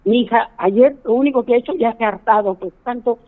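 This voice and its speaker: A middle-aged woman phones in to a radio show to complain, telling her story in an indignant, pleading way. Her voice is on the high side and fairly quick, carried over a tinny phone line.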